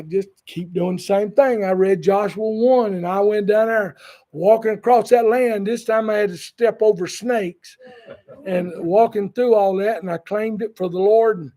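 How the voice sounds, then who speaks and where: A pastor with a fairly high voice preaches, leaning on folksy personal stories and wry humorous asides. His delivery is easygoing and conversational. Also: warm tone. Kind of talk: sermon with storytelling.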